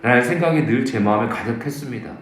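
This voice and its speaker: Speaking at a quick pace in a medium-pitched voice, a man preaches a dawn sermon woven with personal testimony, imitating the people he quotes. The sanctuary is heavily echoey, and a little hiss or hum can be heard.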